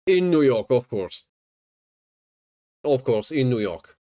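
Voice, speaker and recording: Very animated yet slow-paced, a warm medium-pitched male voice makes fun of a video during a stream. His casual commentary is sarcastic and profane, packed with jokes, stammers, and repeated words.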